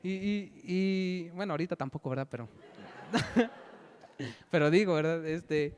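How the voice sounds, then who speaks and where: Young male lay preacher, testimony sermon, halting repetitions, resonant tone, reverberant church hall. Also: sits high, a little mellow, clean tone. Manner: halting, repeats words, frequent "¿verdad?".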